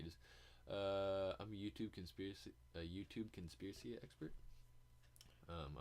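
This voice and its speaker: A male podcast host with a very deep, low voice talks off the cuff. He rambles and hesitates, restarting thoughts and swearing freely as he goes. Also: gravelly, a bit bright, slight background noise. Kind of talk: casual podcast monologue.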